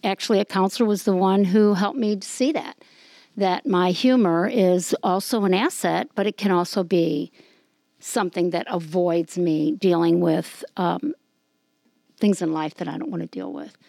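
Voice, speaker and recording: Candid woman with a low, gravelly voice. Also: normal speed, warm tone, no room sound, clean studio sound. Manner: candid, storytelling, with ums. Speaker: discussion group member. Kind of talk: personal testimony in group discussion.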